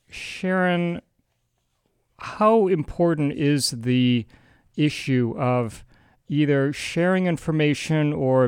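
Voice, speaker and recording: A man hosting an interview, reading out background facts and asking questions in a measured, informative way. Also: medium pitch, a little mellow, smooth, no room sound, studio quality. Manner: measured, informative, some fillers. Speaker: interviewer, host.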